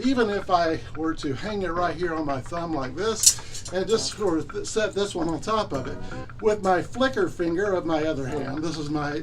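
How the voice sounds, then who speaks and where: A man with a slightly high voice performs as a playful magician in the manner of a kids' party entertainer. He talks the audience through his tricks with comically earnest, fumbling showmanship. Loud music plays behind his patter. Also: low-quality recording. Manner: comically earnest, mock-bumbling explanations. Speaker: stage magician presenting a trick.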